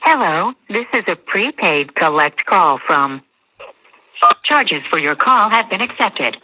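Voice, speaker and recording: A recorded operator announcement comes down a payphone line, spoken slowly and evenly like a machine. The tone is very bright and sharp, and each phrase is laid out deliberately for the caller. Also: medium pitch, animated, a little hiss or hum, low-quality recording. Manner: slow, evenly paced automated announcement. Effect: recorded prompt played over a payphone line. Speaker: automated collect-call operator.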